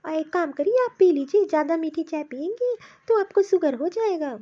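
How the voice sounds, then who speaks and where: A woman's voice: extremely high pitch, animated, moderate pace, dark tone. A woman voicing a modern, touchy young daughter-in-law from the city in a cartoon story, talking in a curt, complaining way. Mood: irritated. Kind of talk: cartoon voice acting. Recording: dull, dry lo-fi recording.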